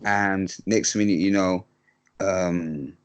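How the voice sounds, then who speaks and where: Low-voiced man, interview guest, hesitant delivery full of fillers and restarts. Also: fairly even intonation, clear, resonant tone. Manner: hesitant, halting, many fillers. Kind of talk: candid interview talk.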